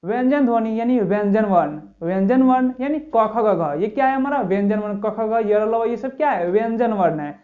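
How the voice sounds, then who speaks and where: A man's voice: high-pitched, animated, normal speed, hardly any pauses. A man hosting a grammar lesson for viewers, explaining step by step and repeatedly asking rhetorical questions of his audience. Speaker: English teacher, channel host. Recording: dull lo-fi recording.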